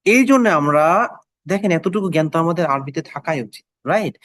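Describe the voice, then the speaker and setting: A man's voice: on the high side, expressive, moderate pace, a bit bright, no echo. A man teaching an online Quran and Arabic class, explaining each word and its meaning step by step, often repeating himself and checking with "okay?".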